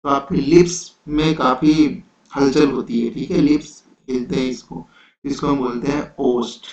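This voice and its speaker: A man teaching an exam-prep lecture, explaining slowly and patiently, checking in with his students again and again. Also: medium pitch, steady tone, a little mellow. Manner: slow, repetitive explaining with frequent "theek hai". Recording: roomy, dull lo-fi sound.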